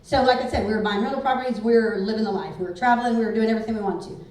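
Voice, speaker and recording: Woman in her 40s telling her story at an event, candid and chatty, a bit high, booming echoey hall heard from far back. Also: rapid-fire, darkish tone. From Houston, Texas. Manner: candid, conversational, frequent "like" fillers. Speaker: real estate speaker. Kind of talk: motivational talk. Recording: very echoey hall, picked up from afar.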